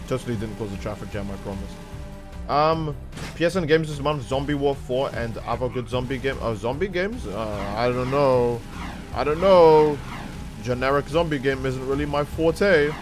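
A man streaming a video game, rambling casually, swearing and reacting loudly to what happens on screen. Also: medium pitch, normal speed, music in the background. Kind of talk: casual gaming stream chat.

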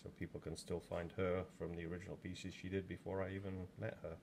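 Talking fast in a low, gravelly voice with flat delivery, a man in his sixties from England chats through a casual pottery demo. It's rambling and full of ums, shot from a camera over his shoulder, with background noise present.

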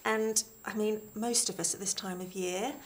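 A woman's voice: mid-range voice, fairly even intonation, moderate pace. A middle-aged British woman as a guest expert, enthusiastically explaining a product in a home shopping demonstration. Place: small indoor studio.

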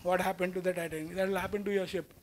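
A guest lecturer in his fifties with an Indian English accent gives a conversational lecture to students in a large auditorium, tossing out rhetorical questions and mixing in Hindi. He speaks rapid-fire in a high, flat voice, walking the stage and gesturing, recorded on a lapel mic.

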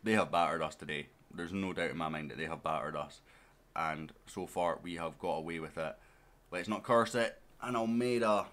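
A man with a low, deep voice commentates a management game in an easy let's-play style. He chats directly to his audience and to the players on screen in a relaxed, conversational way. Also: a little fast. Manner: chatty, talks straight to viewers and to his players. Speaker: gaming YouTuber.

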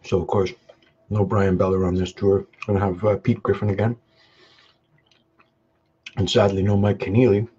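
A man's voice: flat delivery, moderate pace, pauses often, mellow. A man casually chatting on a live webcam stream while eating spicy pizza, humming and chewing between short remarks, sweating from the peppers. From Canada. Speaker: hot sauce vlogger. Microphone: webcam mic. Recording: dull low-fi webcam audio with faint noise.

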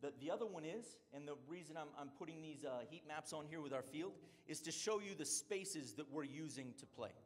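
Briskly and with hardly any pauses, a middle-aged man speaks at a conference in his fairly high voice. He's a strength and conditioning coach, and he punctuates his explanations with frequent "right?"

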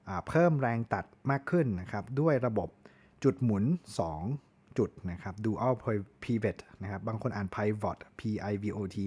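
Thai man with a low, husky voice. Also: a little mellow. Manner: chatty, corrects himself, spells out words. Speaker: tool reviewer. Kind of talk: casual product review.

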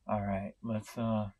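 Slow, rambling male reseller. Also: on the low side, mellow. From St. Louis, Missouri. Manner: slow, rambling, many fillers and restarts. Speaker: online reseller. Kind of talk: casual vlog update. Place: home room, indoors.

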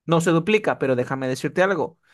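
Lively man tutoring. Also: a little high, a little fast. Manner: lively, keeps checking the student follows. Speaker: English teacher. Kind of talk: one-on-one online tutoring.

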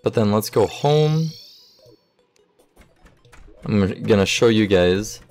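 A young man giving relaxed, casual commentary over his game, thinking aloud as he sorts items, with the hiccups. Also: on the low side, slow pace, soft background music. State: has the hiccups. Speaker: gaming YouTuber.

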